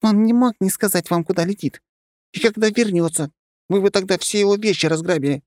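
A man doing a squeaky, angry little mimic girl. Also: a little fast, darkish tone, no room sound, close to an everyday voice.

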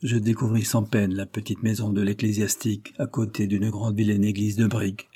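A man reading a classic story aloud in measured, expressive narration. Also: on the low side, husky. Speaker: audiobook reader. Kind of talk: scripted narration of a classic tale.

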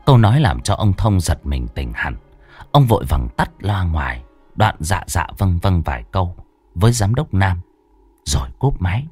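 A man's voice: sits low, very animated, normal speed, darkish tone, husky, soft background music. A man narrating a horror audiobook in a dramatic storytelling manner.

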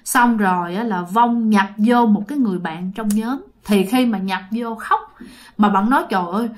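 A woman's voice: medium pitch, moderate pace. A woman telling a ghost story casually, chatting directly to her listeners. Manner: chatty, addresses listeners, animated.

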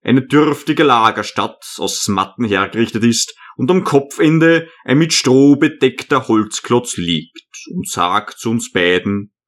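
A man narrating an audiobook as a first-person storyteller, measured and earnest. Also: mid-range voice, lively intonation.

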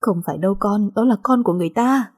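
A woman voicing a gentle, worried older mother who speaks soothingly. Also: mid-range voice, fast talker, slightly rough, close to an everyday voice. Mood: pleading. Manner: soothing, sorrowful.

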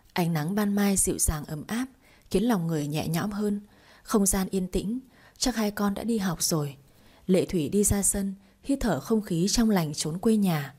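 Lady reading an audiobook story, warm mellow voice, bit husky. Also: mid-range voice. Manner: even storytelling. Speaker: audiobook narrator. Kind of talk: scripted narration of a romance story.

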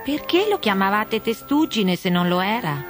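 A woman's voice: medium pitch, sing-song, moderate pace, music in the background, voice pushed up, close to an everyday voice. A woman voicing a curious, polite young girl who asks many questions. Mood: puzzled.

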